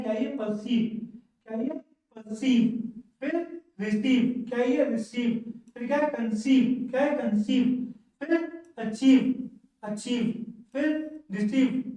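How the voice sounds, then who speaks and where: A man teaching English pronunciation in a classroom lesson, slowly repeating each word twice for learners to echo. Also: very high-pitched, dark tone. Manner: says each word twice, slow drilling. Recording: very echoey room, voice from far off.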